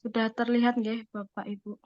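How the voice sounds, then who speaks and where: A woman's voice: a little high, flat delivery, moderate pace, no echo. A woman teacher speaks politely and formally on an online class, her audio breaking up over a bad video call connection. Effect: choppy, breaking-up video call audio. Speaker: teacher in a training course. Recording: dull lo-fi video call line.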